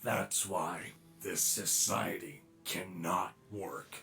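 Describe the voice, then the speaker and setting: Bitter, gravelly cyborg villain. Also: male voice, deep voice, little pitch movement, extremely slow, sharp tone, faint music behind, exaggerated voice. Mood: bitter, resigned. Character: bitter cynical male villain, wrecked human in a machine. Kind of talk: video game acting.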